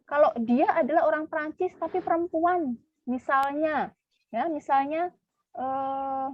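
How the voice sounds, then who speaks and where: Woman teacher drilling pronunciation, patient, repeats stuff a lot, kinda high voice, dull dry sound. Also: measured pace. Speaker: French teacher. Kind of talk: online class lesson.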